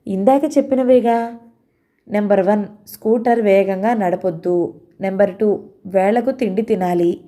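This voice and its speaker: A woman's voice: mid-range voice, a little slow, long pauses, mellow, close to an everyday voice. A woman doing a cheeky young son. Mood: teasing. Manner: cheeky, joking. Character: playful teasing young male student son.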